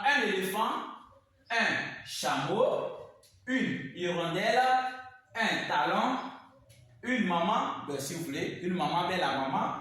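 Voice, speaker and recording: Male teacher, high voice, slow and repetitive, recorded from a distance in a reverberant room. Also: pushed and bright. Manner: slow, repetitive, spells words by syllables. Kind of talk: classroom reading lesson. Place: classroom with a board. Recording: echoey room, mic far off.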